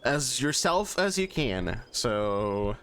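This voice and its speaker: A man's voice: mid-range voice, big pitch swings, takes it slowly, fairly bright tone. A man streaming, chatting casually in a rambling, stammering, upbeat way. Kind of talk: casual chat.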